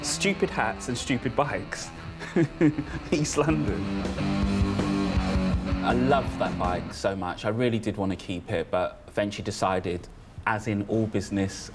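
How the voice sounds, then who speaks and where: A man's voice: low-pitched, steady tone, fairly quick, few pauses, music in the background. A man who works as a dealer, talking casually to camera. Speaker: second-hand dealer.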